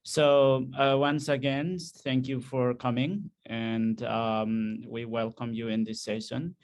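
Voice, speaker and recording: Nepali guy hosting an online conference, slow with lots of ums, mid voice, video call. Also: mid-range voice, flat delivery. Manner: hesitant, many ums and uhs. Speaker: session host.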